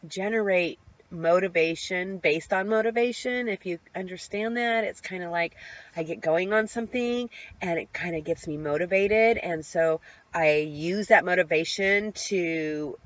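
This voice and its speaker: A woman's voice: on the low side, unhurried, dry recording. A middle-aged woman speaks in a personal video diary, open and heartfelt. She rambles a little, with plenty of ums and restarted sentences. The audio is slightly dull and lo-fi. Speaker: vlogger sharing her recovery.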